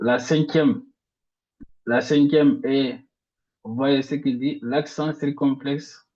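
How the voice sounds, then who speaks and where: Guy teaching a language class super slowly, says every example word over and over, trips over his words, kinda dull lo-fi sound. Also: mid-range voice, a little mellow. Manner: restarts and filler hesitations. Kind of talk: slow step-by-step grammar lesson. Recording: slightly dull lo-fi audio.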